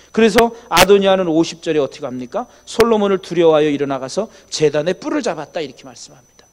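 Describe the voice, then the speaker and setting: Male pastor, sermon delivery, high and animated, dramatizes quoted voices, questions the congregation.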